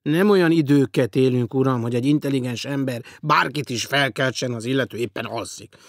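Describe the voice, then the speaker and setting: A man voicing a dry, sarcastic, demanding gray-haired man in an audiobook, with a gravelly voice. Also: medium pitch, no room sound, voice pushed up, lightly acted. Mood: sardonic. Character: sardonic gray-haired man claiming to be dead. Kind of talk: audiobook character voice.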